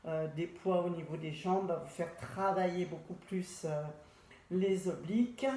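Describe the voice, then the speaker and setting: A woman guides a pilates session at an unhurried pace, calling out each breath and movement in turn. Her voice rings in a very echoey room. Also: medium pitch. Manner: calm step-by-step cueing of breath and movement. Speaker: pilates instructor. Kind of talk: guided exercise class instruction.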